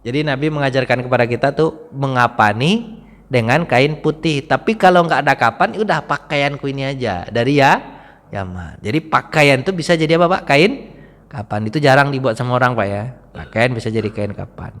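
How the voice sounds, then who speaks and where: Preacher in a reverberant mosque. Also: male voice, medium pitch, fairly bright tone. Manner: conversational, asks the congregation questions; slows down when quoting the Prophet. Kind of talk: mosque study-circle sermon. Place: mosque hall. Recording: long hall reverb.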